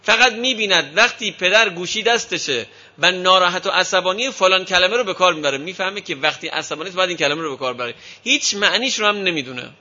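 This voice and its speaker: A man giving a talk on raising children to an audience. He tells lively stories and acts out the voices of parents and children. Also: high-pitched, lo-fi sound. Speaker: parenting lecturer. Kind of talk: speaking to an audience on child upbringing.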